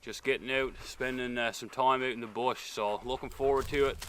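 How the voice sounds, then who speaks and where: Man hiking and vlogging, middle pitch, relaxed and chatty, out of breath, wind and outdoor noise around him. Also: fairly quick. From Newfoundland. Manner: relaxed, chatty, with frequent fillers. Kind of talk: casual vlog talk to camera. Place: outdoors in windy wilderness. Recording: outdoor recording with clear wind and ambient noise.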